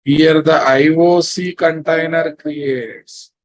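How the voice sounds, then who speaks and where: A man's voice: fairly high pitch, steady tone, slow. A man with a Telugu Indian English accent teaching a programming class, repeating himself and often checking that listeners follow. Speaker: programming instructor. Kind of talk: classroom lecture.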